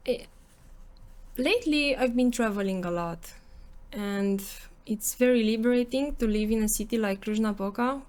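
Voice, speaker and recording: A woman with a Romanian accent chatting casually as an interview guest, playful and joking, acting out little quotes. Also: fairly high pitch. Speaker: podcast guest, software developer. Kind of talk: casual conversational interview answers.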